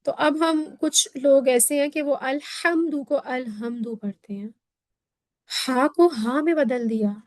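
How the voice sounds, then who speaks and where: A woman gives an online recitation lesson in a fairly high voice. She explains each step patiently, keeps checking that the listener follows, and stretches out letter sounds slowly to demonstrate them. The close, dry recording has no room sound. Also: darkish tone, no echo. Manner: explains patiently, checks in with "theek hai?" after each point; demonstrates letter sounds in slow drawn-out syllables. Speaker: Quran recitation teacher.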